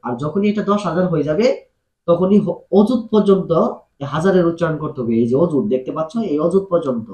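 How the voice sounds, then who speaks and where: Male math teacher, fairly high voice, patient, repetitive questioning, echoey room. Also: dark tone. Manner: patient, repeats and asks questions to students. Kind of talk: classroom-style math lesson.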